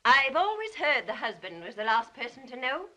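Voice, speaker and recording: An actress playing a domineering, coldly scheming wealthy older sister in a 1930s film melodrama, with an imperious, clipped, insinuating manner. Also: female voice, sits high, very animated, normal speed, pushed and bright, heavily acted. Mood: sly, cutting.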